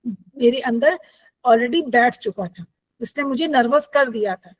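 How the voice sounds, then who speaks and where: A woman teacher, reading English lines slowly and explaining them in Hindi with questions to her students. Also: sits high, no echo, rough recording. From India.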